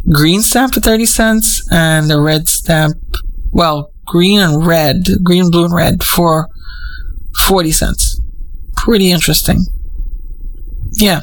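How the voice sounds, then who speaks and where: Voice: medium pitch, steady tone, takes it slowly, low-quality recording. A host from Trinidad and Tobago giving a casual explainer monologue, meandering and digressive as they think aloud.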